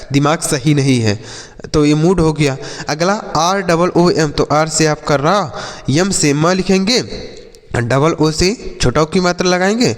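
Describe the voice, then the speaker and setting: A man teaching children to read English words, slowly drilling each sound and quizzing his pupils. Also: a little high, in a large hall. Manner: patient, slows to drill words and quiz pupils. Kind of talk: classroom reading lesson for children.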